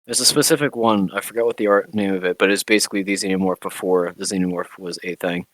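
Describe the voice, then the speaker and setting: Relaxed lower-voiced man explaining. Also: fast, no room sound, rough recording. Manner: relaxed, explanatory, casual swearing. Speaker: podcast co-host. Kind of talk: casual film discussion.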